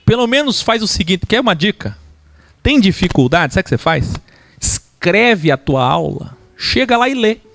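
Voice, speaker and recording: A man from Brazil gives an animated lecture to church teachers, now and then mimicking preachers. His voice sits a little high and has a gravelly, fry-tinged edge. The sound is dry and close. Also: moderate pace, dry recording.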